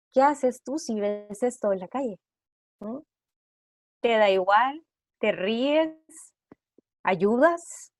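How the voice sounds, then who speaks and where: A woman with a mid-range voice runs an online workshop on trauma-informed care over a video call. She fires off quick rhetorical questions at her audience, one after another. The recording is dry, with clean studio sound.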